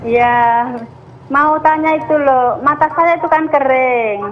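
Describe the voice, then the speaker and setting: A woman's voice: high-pitched, slow. A woman in her mid-sixties phoning in to a show, asking her question plainly and conversationally over the telephone. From Sidoarjo, Indonesia. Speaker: phone-in caller. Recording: dull phone line, faint noise.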